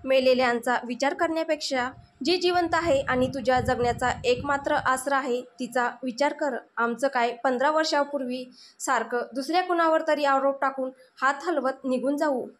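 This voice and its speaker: A woman's voice: high-pitched, fairly even intonation, moderate pace, slight background noise, close to an everyday voice. A cruel male villain issues sneering threats. A woman reads him in her own voice. The menace stays in the words of this spoken story. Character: menacing grown man, cruel gang villain.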